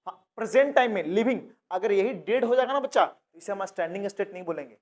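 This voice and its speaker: A man from India teaches a biology lesson in a high voice. He keeps putting questions to the class and then answers them himself. He repeats the key terms again and again. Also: expressive, quick pace, darkish tone. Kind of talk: classroom lecture.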